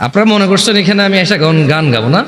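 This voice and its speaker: Loud high-voiced Bangladeshi preacher. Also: male voice, very fast. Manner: restless, loud and animated, says so himself; asks the crowd questions and answers them. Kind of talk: sermon. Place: gathering with a crowd. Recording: echoey hall with long reverb.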